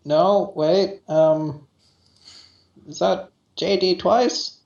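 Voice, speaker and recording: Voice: mid-range voice, steady tone, extremely slow, creaky, a little mellow. A game master running a tabletop role-playing game, improvising narration and calling for rolls. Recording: echoey, dull room recording.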